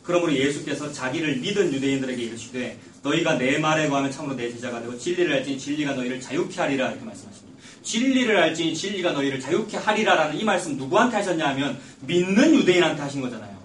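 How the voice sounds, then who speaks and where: A man preaching a sermon as pastor, emphatic and building to loud stresses. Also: a little high, lively intonation, quick pace, hardly any pauses, distant mic, slight background noise. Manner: emphatic preaching, rising loud when quoting Jesus. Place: church sanctuary. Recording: echoey church recorded from afar.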